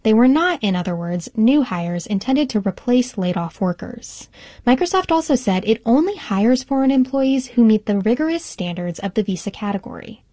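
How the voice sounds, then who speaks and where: Mellow American female radio reporter. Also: on the high side, expressive, moderate pace, no room sound, studio quality. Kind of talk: scripted news report.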